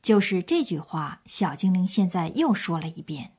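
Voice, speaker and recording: A woman's voice: lowish voice, big pitch swings, moderate pace, darkish tone, husky. A woman presenting a language course with scripted, explanatory storytelling narration.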